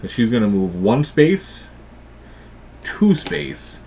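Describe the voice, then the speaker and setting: A man hosting a board game play session, reading the game's text aloud with some drama and then talking through the rules in a relaxed, casual way. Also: medium pitch, slow pace, slight background noise. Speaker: host and player.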